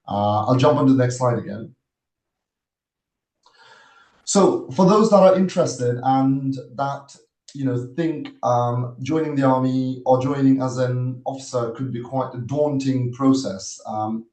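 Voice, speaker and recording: A man's voice: medium pitch, a little mellow. Earnest man in his thirties, echoey room. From Nepal. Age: 30s. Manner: earnest, measured, with frequent hesitations. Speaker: guest speaker, army officer. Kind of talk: webinar presentation.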